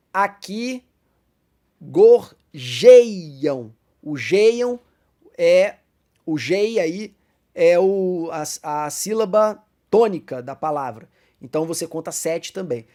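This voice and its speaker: A man with a Brazilian Portuguese accent leads a church Bible class. He explains each point step by step, addresses his listeners as brothers, and slows down to recite lines of verse. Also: high voice, a little mellow. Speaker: Sunday school teacher.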